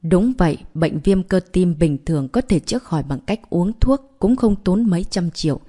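A woman reads a novel aloud as an audiobook narrator. Her voice sits low, dark and mellow, and she keeps a steady storytelling pace. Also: normal speed.

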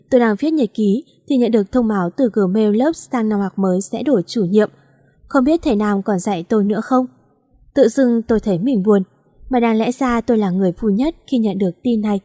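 A woman narrates a first-person story for an audiobook in an even, steady storytelling voice. Her tone is mellow and soft. The recording is dry and close, made in a studio. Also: mid-range voice, no room sound.

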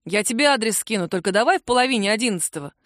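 A woman's voice: a little high, lively intonation, rapid-fire, a bit bright, no echo, studio quality. A woman reading a story, voicing a cheerful, pushy young man who teases his friend awake.

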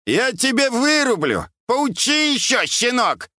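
A man's voice: high-pitched, lively intonation, unhurried, no echo, clean studio sound, pitched above the performer's own voice. Man putting on a frantic old watchman. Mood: furious. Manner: wailing, shouting, fussing. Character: old male dam watchman, frantic war veteran.

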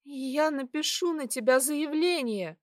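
A woman's voice: sits high, unhurried, dry recording, voice pushed up. Terrified young heroine for a read-aloud story, woman performer, shaky and pleading, dry sound. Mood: frightened defiance. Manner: trembling, pleading.

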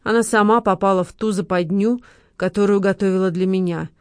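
A woman reads a betrayed wife, cold and bitter, in a quiet, lifeless voice. The sound is dry and close to the mic. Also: medium pitch, fairly even intonation, brisk, clean tone, dry recording, natural voice. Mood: cold, firm.

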